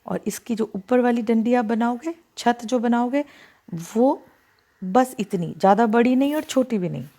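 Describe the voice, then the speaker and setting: A woman teaching children how to write vowels, speaking slowly and deliberately, drawing out each sound and checking that they follow. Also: fairly high pitch, warm tone. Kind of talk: slow, patient handwriting lesson for children.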